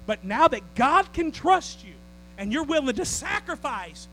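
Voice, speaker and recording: High-voiced, lively male preacher. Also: unhurried, slight background noise, poor audio. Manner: animated preaching that swings from loud declarations to low asides with the congregation. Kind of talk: sermon.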